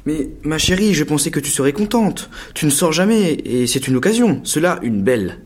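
A man voicing a meek, well-meaning clerk husband in an audiobook story, speaking in a gentle, coaxing way. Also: fairly high pitch, expressive, moderate pace, breathy edge. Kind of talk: audiobook dialogue.

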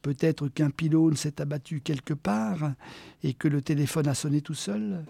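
A frantic, lonely man left alone on Mars, as a storyteller puts him on, with a fairly high, dry voice. He yells desperately in bursts, then sinks into muttering to himself. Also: normal speed, vocal fry, slightly rough, dry recording, exaggerated voice.

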